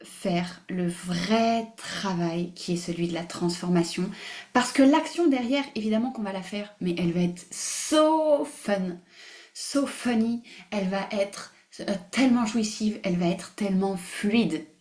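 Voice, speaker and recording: A woman hosting a live online masterclass, animated and emphatic, repeating phrases, mixing in English words and laughing often. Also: medium pitch, unhurried. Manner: mixes English words into her speech. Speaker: masterclass host. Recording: roomy echo.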